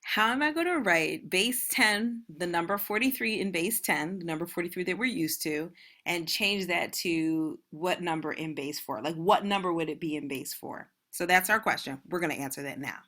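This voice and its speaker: A woman's voice: on the low side, normal speed, bright, forceful tone. A woman math teacher giving an online lesson in a casual, chatty way, talking straight to her students.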